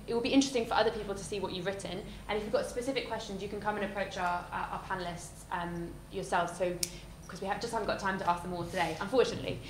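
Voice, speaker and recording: A woman in her thirties moderating a live panel discussion, friendly and hesitant, with many fillers. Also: medium pitch. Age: 30s. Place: lecture hall. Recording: echoey hall, faint noise.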